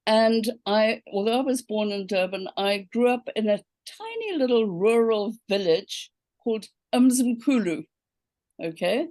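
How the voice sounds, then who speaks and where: A woman's voice: on the high side, unhurried, a little mellow, dry recording. A South African woman in her seventies, a quilting teacher telling her story in a casual interview over a video call, full of ums and okays. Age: 70s.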